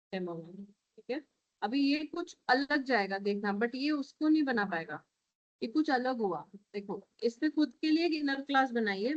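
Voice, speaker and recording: In a muffled recording with no echo, a woman's fairly high voice leads a live-coding programming lesson. She has an Indian accent, moves back and forth between Hindi and English, and keeps gently checking that the class is keeping up.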